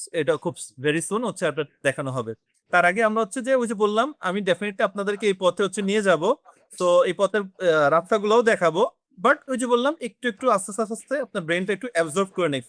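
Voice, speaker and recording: Speaking in a voice that sits high and sounds a bit bright, a man leads a beginners' French lesson; the studio-quality audio has no room sound. His delivery is slow and stepwise, with questions for his students and English words mixed in.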